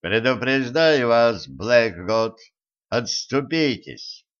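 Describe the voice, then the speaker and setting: A sardonic, dangerous man makes threats sound like pleasantries, as voiced by a male reader. The delivery is slow and deliberate. The sound is somewhat dull and lo-fi. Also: medium pitch, lively intonation, fairly bright tone. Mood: mocking. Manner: sardonic, menacingly polite. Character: cold, mocking male adversary, coolly polite.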